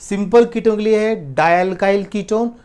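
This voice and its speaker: A middle-aged man with an Indian accent teaching chemistry in a classroom lecture, mixing in English terms and slowly repeating key words as he writes them on the board. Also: sits high, a little mellow, clean tone. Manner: explains patiently, repeats key terms slowly while writing.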